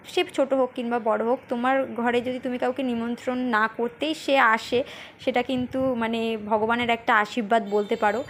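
A woman in her thirties talks through a home video in a chatty, meandering way, full of fillers and restarts. Her voice sits fairly high for a woman. There is clear background noise from the home around her. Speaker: vlogger. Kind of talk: casual home vlog narration. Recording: noisy home ambience.

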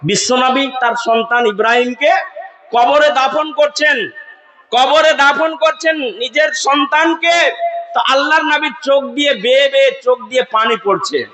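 A man's voice: very high-pitched, moderate pace, highs cut off. A male preacher giving an impassioned sermon, asking the crowd questions and breaking into sung chanting of Arabic verses. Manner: impassioned, slips into sung chanting and shouted climaxes; asks the audience call-and-response questions.

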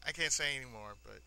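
A man hosting a gaming video speaks in a fairly high, pushed and bright voice with vocal fry. He gives casual let's-play commentary, sentimental and rambling, repeating his phrases. Arcade-style video game noise sits behind him in a noisy recording.

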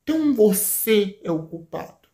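A woman's voice: medium pitch, sing-song, normal speed, mellow, reverberant. Woman doing a bitter, blaming mother. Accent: Brazilian.

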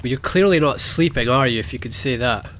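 Speaking a little fast in a mid-range, slightly bright voice, a young man from Scotland hosts a let's play. He talks over his video game in a Scottish accent, casual and sarcastic, tossing in jokey asides and mock voices.

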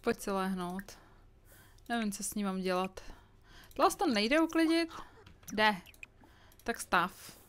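A woman with a Czech accent giving casual let's play commentary, chatting to her game characters with sudden loud outbursts. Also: mid-range voice, lively intonation, long pauses. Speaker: gaming streamer.

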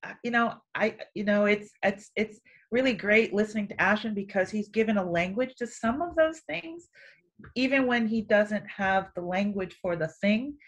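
Woman, artist on a panel, relaxed, laughs a lot, mid pitch. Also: normal speed. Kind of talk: panel discussion.

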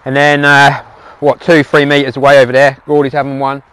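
A man's voice: mid-range voice, monotone, a little fast, a bit bright, clean tone, dry recording, poor audio. A British man chatting to viewers while metal detecting outdoors. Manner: chatty, addresses viewers as guys. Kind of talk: casual narration while digging outdoors. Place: open field outdoors.

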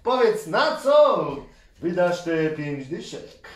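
High-voiced excited dad, heard from across a roomy space. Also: male voice, slow. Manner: energetic, cheering, counting down. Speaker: father and channel host. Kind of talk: excited toy-game commentary for kids. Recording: roomy, distant mic, faint noise.

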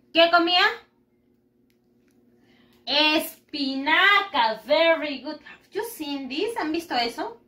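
A woman teaching children English, her voice high and bright. She talks slowly and patiently, stretching each word and giving praise again and again. The sound carries a roomy echo. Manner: slow, patient, exaggerated pronunciation with frequent praise. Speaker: primary school English teacher. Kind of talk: bilingual online lesson for children.

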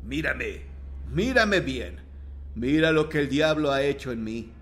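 A man's voice: medium pitch, animated, measured pace, fairly bright tone. A man voicing the ghastly dead nurse of a horror story, putting on a horrid, demonic voice from beyond the grave. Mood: menacing. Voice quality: horrid unearthly tone.

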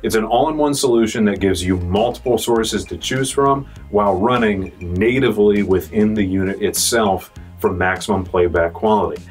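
Against a dark backdrop in an indoor showroom studio, a young adult American man pitches a product review casually and salesily, addressing viewers as "guys." His low, breathy-edged voice moves at normal speed with few pauses, and soft music plays in the background.

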